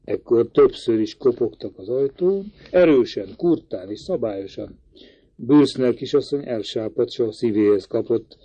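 A man narrating a novel as an audiobook in a measured, even reading. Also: medium pitch, breathy edge, no room sound. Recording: dry, slightly dull recording.

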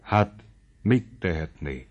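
A man's voice: sits low, animated. A man reading the part of a humble, sorrowful gray-haired old man who speaks in a subdued, hesitant way, on a dull lo-fi recording. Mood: dejected.

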